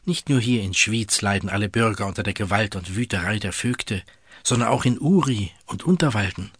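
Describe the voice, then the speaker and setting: A man voicing a wise, worried farmer's wife who urges her husband on gently and earnestly in a storybook reading. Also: lowish voice, brisk, breathy edge, no echo.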